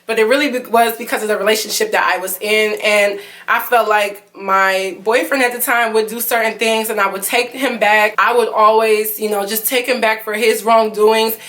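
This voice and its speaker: Offering candid relationship advice on her vlog, a young woman sounds earnest and confiding, using many fillers, emotion pushing her close to tears. Her lower voice is steady in tone and fairly bright, at a moderate pace.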